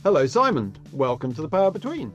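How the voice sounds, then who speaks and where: A man hosting a podcast interview, asking questions in a measured, thoughtful way. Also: on the high side, sing-song, lo-fi sound, faint music behind. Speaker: podcast host.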